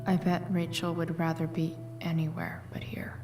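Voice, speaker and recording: A woman's voice: fairly low pitch, completely flat delivery, moderate pace, lightly acted. A woman playing a guarded, rebellious teenage girl musing to herself in a video game, dry and understated. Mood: subdued, pensive. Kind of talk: video game character's inner monologue. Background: game music.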